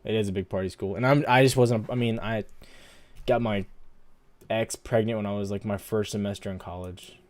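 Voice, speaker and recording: A man in his twenties hosts a stock trading livestream, his voice fairly low, steady and a little dark, at a normal speed. He's laid-back and rambling, leaning heavily on "like" as he chats casually and reads out viewer comments.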